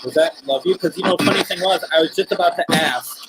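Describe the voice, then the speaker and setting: Higher-voiced man over clear scratchy background noise. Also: fast talker. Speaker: host of a live spirit box session. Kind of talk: casual live paranormal session, questions to spirits and viewers. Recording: noisy, rasping scratchy static behind the voice.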